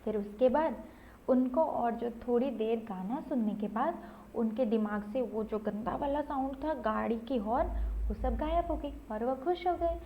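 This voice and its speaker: A woman's voice: a little high, unhurried, dull audio, a little hiss or hum. A woman telling a moral story to children in a chatty way, asking herself questions and checking in with "thik hai" as she goes.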